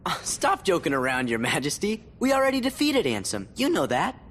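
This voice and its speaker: A man's voice: a little high, wildly swooping pitch, a little fast, fairly bright tone, a little hiss or hum. An actor voicing a spirited, frank teenage boy hero in a video game cutscene.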